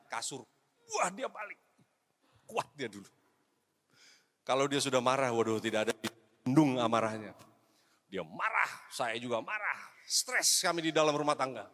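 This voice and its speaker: A middle-aged man preaching a sermon as an evangelist, telling a personal story, calling his listeners "brothers and sisters" and dropping English phrases into his talk. He swings between loud exhortation and hushed confession. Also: medium pitch. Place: church hall. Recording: reverberant church hall.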